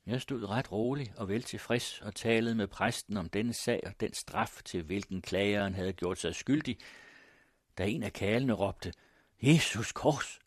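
A man narrating a first-person story in a measured, grave manner. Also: on the low side, no room sound, clean studio sound. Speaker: audiobook narrator.

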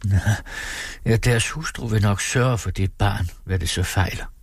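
A man's voice: on the low side, breathy edge, no room sound. A man reading aloud, voicing a hesitant middle-aged village pastor who stammers and halts. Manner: halting, stammering.

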